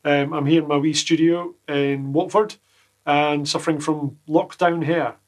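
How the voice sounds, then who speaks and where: A man teaching guitar exercises in a casual lesson from a small home studio, full of deadpan jokes between the explanations. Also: on the high side, unhurried. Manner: jokey, deadpan asides. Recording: loud guitar playing behind the voice.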